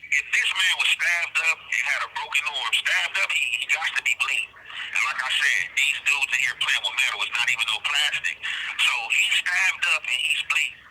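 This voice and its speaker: A man's voice: fairly high pitch, a little fast, sharp tone, slightly rough. A man calling in by phone from jail, talking bluntly in street slang and calling the listener bro. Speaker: caller from jail. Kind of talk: casual phone talk. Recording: noisy phone line.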